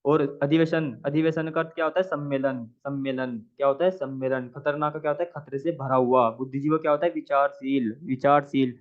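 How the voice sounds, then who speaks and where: A man's voice: mid-range voice, steady tone, brisk, few pauses. A man teaching a Hindi exam practice lesson. He asks questions and answers them himself, repeating each answer several times. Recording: tinny phone-like audio.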